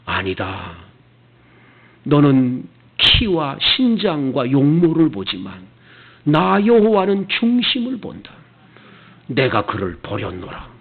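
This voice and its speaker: A man doing the deep, slow voice of God. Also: huge pitch swings, gravelly, slightly rough, heavily acted. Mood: stern. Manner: slow, hushed, tender rebuke. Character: solemn gentle male voice of God, rebuking. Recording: tinny phone-like sound.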